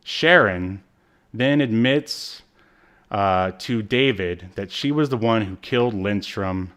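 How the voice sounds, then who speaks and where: Rambling and hesitant, a man co-hosting a podcast casually recaps a TV episode. He speaks slowly in a fairly low voice with a fairly bright, clean tone.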